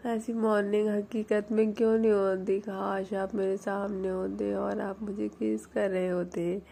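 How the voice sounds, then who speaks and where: Woman voicing a sleepy clingy girlfriend, half-awake dreamy sweet talk, soft mellow tone. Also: mid-range voice, flat delivery, unhurried, gravelly, slight background noise. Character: sleepy lovestruck young woman, playful and clingy.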